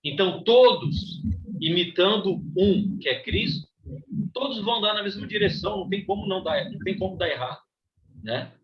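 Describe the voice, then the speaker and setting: A man's voice: sits high, lively intonation, normal speed, highs cut off. A man with a Brazilian accent teaching a Bible study class, reading scripture aloud and explaining it, often checking in with "né?". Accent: Brazilian Portuguese. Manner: reads scripture aloud, then explains with frequent "né?".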